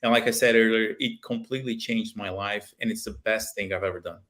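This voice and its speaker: A man's voice: lowish voice, fairly even intonation, fairly quick, a bit bright. A man in his thirties from Brazil, speaking with a Brazilian Portuguese accent as a guest on a video call, earnest and full of fillers and restarts. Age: 30s. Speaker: guest pilot and aviation video maker. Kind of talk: casual interview on a video call. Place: small home office with a plane picture. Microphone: webcam video call.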